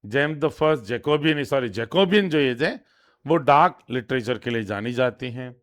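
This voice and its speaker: A man teaching an exam-prep lesson, reading each question out slowly and then explaining it step by step with frequent repetition. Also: mid-range voice, expressive. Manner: reads English questions slowly, then translates. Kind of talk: exam lesson in Hindi with English terms.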